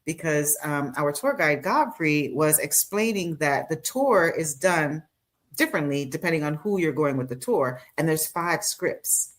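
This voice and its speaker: A woman's voice: deep voice, animated, measured pace. A woman co-hosting a casual podcast, talking in an emphatic, explanatory way. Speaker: podcast co-host. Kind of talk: casual conversational podcast talk.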